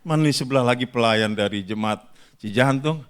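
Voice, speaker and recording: A man's voice: medium pitch, fairly quick, smooth. A man preaching a sermon as a pastor, telling a funny story to his congregation with laughter. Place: church hall.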